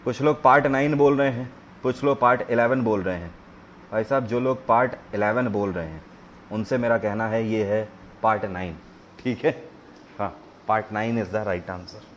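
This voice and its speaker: A man teaching a live online quiz lesson, his voice sitting at an ordinary middle pitch. He reads each question out slowly, then explains it and urges viewers to answer. A faint hum of background noise runs under his voice. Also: steady tone, lo-fi sound. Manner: mixes English terms into Hindi explanation.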